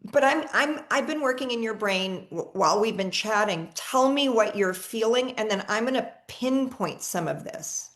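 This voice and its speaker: A woman's voice: on the high side, expressive, moderate pace, hardly any pauses, fairly bright tone. A woman leading a live online energy healing session on a video call. She talks in a chatty, enthusiastic way and often repeats and restarts her words. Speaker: energy healer.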